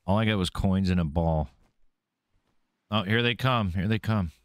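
A man's voice: deep voice, normal speed, clear, resonant tone, no room sound, clean studio sound. A man streaming a game live, commenting casually, swearing freely and taunting the enemies he fights.

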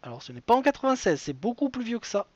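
A man's voice: very high-pitched, very animated, fast talker, darkish tone, no room sound, dull audio. A man hosting a live web quiz show, chatty and digressive, reading questions and wandering into side stories with many fillers.

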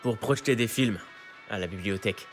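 An actor playing an eager, casual young son in naturalistic video game dialogue. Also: male voice, fairly low pitch, a little fast, soft background music, lightly acted.

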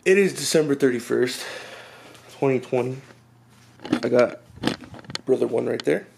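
A young vlogger films himself with a handheld camera held at arm's length as he moves through the small rooms of his house. His voice is medium-pitched and creaky at a moderate pace, and his casual chat is joking and teasing, with frequent laughter.

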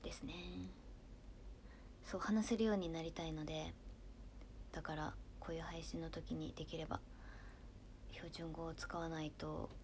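A young woman with a Kansai accent, chatting casually on her livestream and reading viewer comments, often softening into near-whispers. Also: low voice, flat delivery, moderate pace, pauses often, slight background noise. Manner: soft-spoken, drifts into near-whispers, laughs often.

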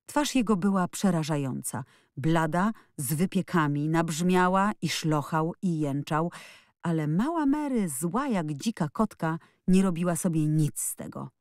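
A woman reading a children's novel aloud in expressive, scripted narration. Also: lowish voice, a little slow, dry recording, studio quality. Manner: expressive storytelling. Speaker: audiobook narrator.

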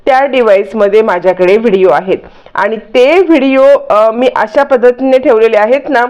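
A woman's voice: on the high side, normal speed, darkish tone, lo-fi sound, natural voice. A woman doing a scheming, taunting young blackmailer. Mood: threatening. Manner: taunting, threatening.

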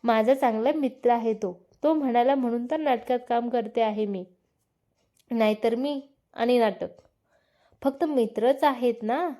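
A jealous young husband with a sulky, needling way of asking questions, as a woman reads him out. The voice sits fairly high and warm. He is heard in a spoken storybook. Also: unhurried, natural voice.

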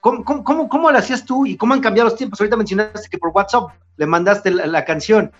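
A man's voice: high voice, quick pace. A man hosting an interview, asking friendly, chatty questions with many restarts. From Mexico. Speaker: interview host. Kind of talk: casual interview. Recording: dull lo-fi sound with faint music.

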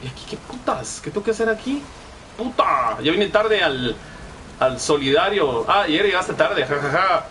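Young man, Guatemalan Spanish accent, gaming streamer, profane and chatty, slightly high voice, faint background hiss. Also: animated, moderate pace, pushed and bright, poor audio. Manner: profane, chatty, reads chat messages aloud. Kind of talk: live gameplay commentary.

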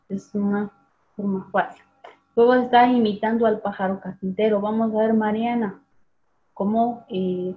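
Woman teacher on a tinny call. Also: medium pitch. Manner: patient, calls on students by name and repeats sounds slowly. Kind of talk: online class for students. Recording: tinny phone-like video call audio.

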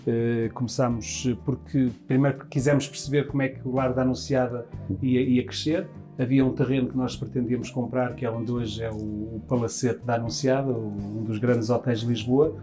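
Seated in a restaurant dining room, a European Portuguese man in his fifties who manages the place gives long interview answers, talking with his hands and frequently starting phrases over. He sounds warm, brisk and flat at a medium pitch, soft music in the background.

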